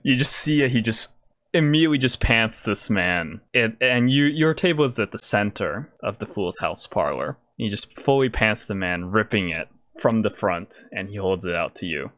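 A man narrating a tabletop game as game master, describing scenes in relaxed detail with frequent fillers. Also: on the low side, moderate pace, no echo.

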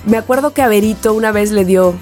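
Her voice is mid-range and quick: a middle-aged woman with a Mexican accent, co-hosting a podcast with faint music behind. She's a lively storyteller, casually chatting and acting out the voices in her stories.

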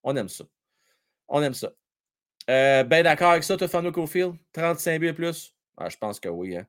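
A man with a Québécois French accent hosting a hockey livestream, chatting and joking with his viewers in an excitable way. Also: a little high, moderate pace. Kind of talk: casual live chat with viewers.

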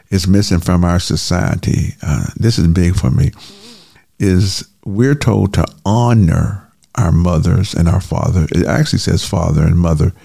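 A man with a very deep, gravelly voice and a mellow, dark tone speaks as a guest on a call. He reflects slowly and haltingly, filling his pauses with small hesitations. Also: dry recording, studio quality.

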